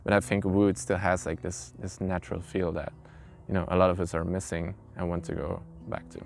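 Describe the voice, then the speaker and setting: This interviewee, a Belgian carpenter in his early twenties, speaks English as a second language while informally telling his own story. The low, slightly mellow voice is fairly quick with little pitch movement. Background noise and ambient sound are clear.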